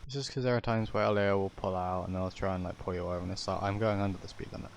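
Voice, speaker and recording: Male driver, lowish creaky voice, casual sweary muttering about traffic, dashcam audio with faint noise. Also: fairly even intonation, quick pace. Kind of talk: casual dashcam driving commentary. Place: inside a vehicle while driving. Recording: noisy in-car dashcam audio.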